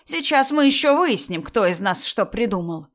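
A woman reading a story aloud and voicing a spiteful, suspicious older mother-in-law who talks in a shrill, accusing way. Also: animated, moderate pace, close to an everyday voice. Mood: furious.

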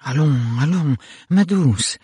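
A man voicing a mild young husband who speaks in a gentle, soothing, placating way. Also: high-pitched, sing-song, unhurried, breathy edge, no echo, studio quality, pitched above the performer's own voice, exaggerated voice.

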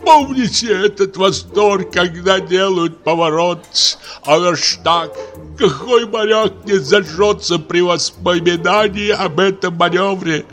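A man's voice: high-pitched, animated, slow, fairly bright tone, soft background music, voice pushed up, heavily acted. A man voicing an old, hard-of-hearing retired naval captain who mishears and blusters. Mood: reminiscing. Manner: mishears, then blusters indignantly.

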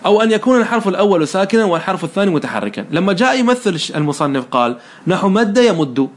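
A male teacher talks fast in a fairly high voice as he walks a student through grammar rules. He keeps firing short questions and praising correct answers. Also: animated. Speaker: teacher of Arabic morphology. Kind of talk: one-on-one lesson, question and answer.

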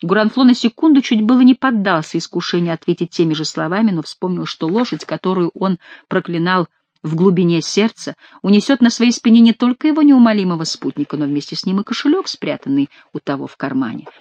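A woman narrates an audiobook in a lively, expressive way. Her pitch rises and falls widely across sentences. The recording is close and dry. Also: brisk, no echo, lo-fi sound. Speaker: audiobook reader.

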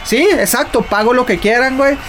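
A man with a Mexican accent bantering casually and excitably, full of slang and repeated phrases. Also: very high voice, fairly quick, music in the background. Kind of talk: casual banter, mock fight commentary. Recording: clear background noise.

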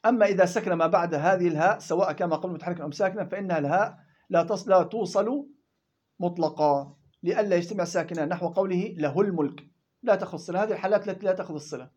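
A man teaching tajweed rules in a classroom lesson, explaining quickly and chanting verse examples in between. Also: high voice, darkish tone, breathy edge, lo-fi sound. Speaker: Quran recitation teacher.

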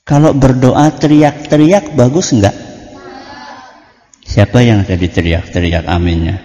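A man's voice: mid-range voice, steady tone, unhurried, warm tone, dull audio. A man teaching a religious lesson to children, often stopping to quiz them with questions. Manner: quizzes the children with frequent questions. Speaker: Islamic teacher. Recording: long reverb from a large hall.

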